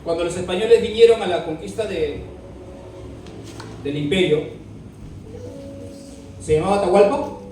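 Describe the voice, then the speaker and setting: A high-pitched man speaks at a measured pace with long pauses amid background noise. Leading a Bible class, he often asks questions and spells words out letter by letter for dictation. Faint music, a far-off mic and heavy room echo mark the recording.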